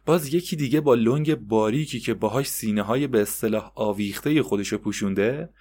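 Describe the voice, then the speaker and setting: A man narrating a story in a steady, descriptive way with occasional conversational asides. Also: mid-range voice.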